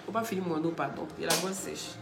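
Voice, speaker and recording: A woman with a head cold, ranting loudly on a live stream, teasing and scolding. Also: on the low side, fast, gravelly, reverberant. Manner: talks loudly, teasing and scolding, often laughing. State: head cold, blocked ears. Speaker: live streamer and gossip commentator. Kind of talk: casual live-stream rant.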